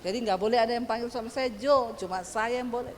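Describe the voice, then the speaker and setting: A high-voiced woman pastor with a Sulawesi accent preaches with animated storytelling. Her voice carries through a long, echoing hall reverb, and a faint ambience sits underneath. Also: fast talker, slight background noise. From Sulawesi, Indonesia. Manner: animated storytelling, addressing the congregation. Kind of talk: sermon.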